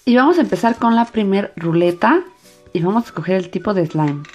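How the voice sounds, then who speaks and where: A woman chatting excitedly to young viewers as the host of a casual craft vlog. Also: mid-range voice, a little fast, soft background music. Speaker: host of a children's slime channel. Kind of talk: casual craft vlog, explaining as she goes.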